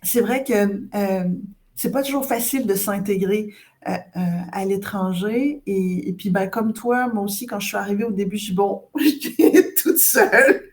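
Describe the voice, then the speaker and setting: Québécoise d'âge moyen au ton moyen, causante et hésitante, en balado. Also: female voice, mid-range voice, moderate pace. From Quebec. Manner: warm, chatty, many hesitations. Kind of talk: casual podcast conversation.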